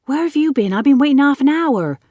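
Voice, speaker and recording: A woman voicing a lively, eager young girl from the gentry who chatters and coaxes. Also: medium pitch, unhurried, no echo. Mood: chattering. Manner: excited, chattering, coaxing.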